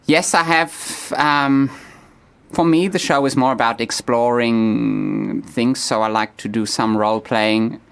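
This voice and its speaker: Male comedy guest, deadpan, hesitant delivery, mid-range voice. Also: medium pitch, unhurried, creaky, smooth. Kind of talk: deadpan character comedy interview.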